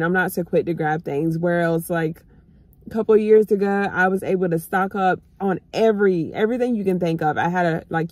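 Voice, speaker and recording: A woman's voice: mid-range voice, a little mellow, dry recording. A woman in her thirties from the US, chatting casually to her viewers from a parked car, calling them y'all. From United States. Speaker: vlogger. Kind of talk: casual chat to camera. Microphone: phone camera on dashboard.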